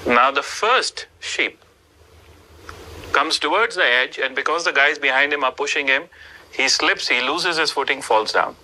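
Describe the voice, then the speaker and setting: A middle-aged man telling a story in an animated way, with rhetorical questions, in a studio interview. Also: fairly high pitch, unhurried, a little hiss or hum, rough recording. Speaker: speaker in an interview clip. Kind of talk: storytelling talk. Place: indoors, plain studio backdrop.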